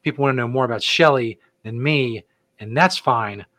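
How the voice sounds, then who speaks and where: Rambling his way through announcements, this podcast co-host is a middle-aged man who keeps things relaxed and jokey in casual chat. He speaks at medium pitch and a normal speed, sounding a bit bright, with no echo.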